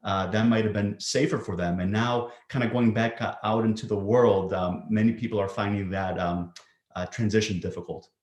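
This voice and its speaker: Low-voiced man with roomy echo. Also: fairly even intonation, moderate pace, a little mellow. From Greece. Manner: thoughtful, with frequent ums and restarts. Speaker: psychiatrist guest. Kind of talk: conversational interview answers.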